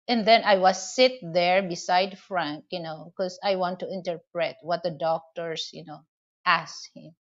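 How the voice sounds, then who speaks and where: A Filipino vlogger from the Philippines chats casually to the camera, giving advice and telling stories in a mid-range voice. She rambles, leaning heavily on "you know" and "okay?" The recording sounds muffled.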